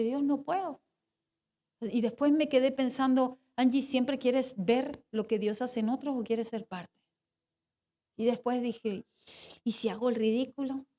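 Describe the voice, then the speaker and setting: High-voiced woman pastor preaching. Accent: Spanish. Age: 40s. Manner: storytelling, animated, swings between hushed and emphatic. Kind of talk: sermon with personal testimony.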